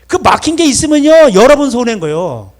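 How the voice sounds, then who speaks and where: A middle-aged man preaching a sermon as pastor, animated, firing rhetorical questions at the congregation and acting out voices. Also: very high-pitched, a little fast.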